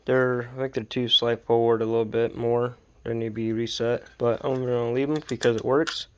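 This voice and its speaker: A man's voice: mid-range voice, little pitch movement, moderate pace, a little mellow, smooth. A man filming a casual update on his model truck late at night, sleepy and rambling in an easygoing way, stopping to correct himself. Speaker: RC hobby vlogger. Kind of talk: casual build update vlog.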